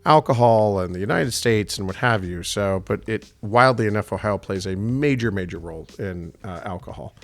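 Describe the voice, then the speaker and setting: A middle-aged man from Houston, Texas, a winemaker guest with a faint Texan accent, rambles and tells stories with many fillers during a casual interview chat. His fairly low voice has lively intonation, a moderate pace and few pauses, with no echo.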